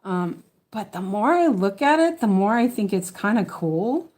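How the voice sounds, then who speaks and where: A woman chats at a slow, unhurried pace in a middle-pitched voice. Her s sounds come out slushy, close to sh, with a noticeable lisp. She rambles casually like a craft streamer, stopping to correct herself and think aloud. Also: lively intonation, a little mellow. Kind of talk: casual rambling chat while stitching.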